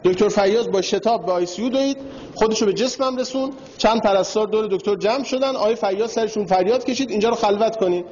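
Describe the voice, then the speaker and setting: A man's voice: high voice, a little mellow, slight background noise. A man giving a religious lecture, telling a story and speaking directly to his audience. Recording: dull lo-fi recording in a reverberant hall.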